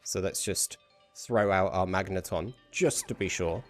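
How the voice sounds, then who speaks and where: A man's voice: low voice, unhurried, soft background music. A man streaming a video game, thinking aloud in casual commentary as he plays. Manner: thinking aloud, muttering to himself.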